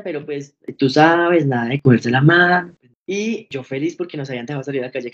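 A young man tells his story in a quick, tumbling stream of words as a guest on a talk show. He slips into the voices of the people in his story as he goes. The recording sounds a little dull and lo-fi. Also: mid-range voice. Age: young adult. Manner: animated, acts out quoted dialogue. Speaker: interview guest. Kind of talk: casual storytelling.

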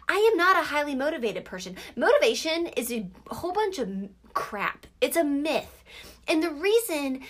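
A young woman with a fairly high voice talks as a podcast host and coach. Her delivery is informal and emphatic, with repeated phrases to press each point. It is a casual motivational talk recorded alone in a closet. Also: a bit bright.

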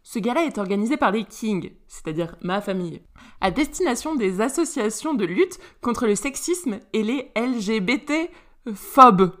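A woman's voice: mid-range voice, big pitch swings, normal speed, hardly any pauses, close to an everyday voice. A woman voicing a defiant young aristocratic man putting on a mock-formal tone in a storybook reading.

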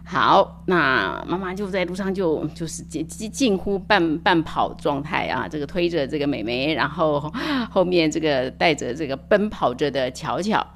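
A woman reading a picture book aloud to children, animated, with playful sound words and hushed asides. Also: sits low, normal speed, vocal fry, hardly any pauses, a little hiss or hum. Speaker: storyteller. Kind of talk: storybook read-aloud for children.

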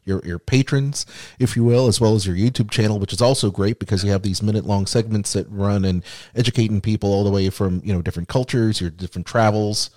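Male podcast host, lower pitch, dry close sound, relaxed friendly hosting. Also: quick pace, dry recording. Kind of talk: casual interview hosting.

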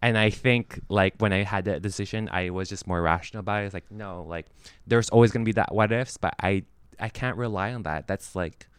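Low, smooth-voiced young man chatting. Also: a little fast, no echo. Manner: rambling, many fillers and restarts. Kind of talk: casual chat. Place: apartment.

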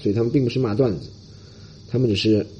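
A man's voice: medium pitch, quick pace, dull audio, a little hiss or hum. A man hosting a comedy podcast, talking in a casual, joking monologue, with a Mandarin Chinese accent and English phrases mixed in. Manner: animated, mixes English phrases, mocking voices.

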